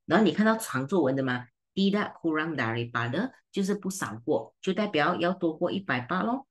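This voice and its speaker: A woman tutor with a Malaysian Mandarin accent, teaching an online seminar in a brisk, teasing way and mixing in English and Malay. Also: sits low.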